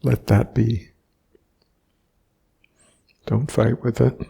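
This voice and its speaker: A meditation teacher guides a session gently and unhurriedly, leaving long pauses between short phrases. His mid-range voice is gravelly and slightly rough, with a flat delivery.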